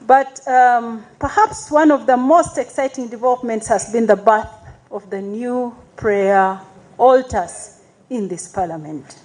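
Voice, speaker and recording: A woman, an Anglican chaplain giving a formal, measured address to a congregation, with call-and-response praise. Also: on the high side, a little mellow, low-quality recording. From Uganda.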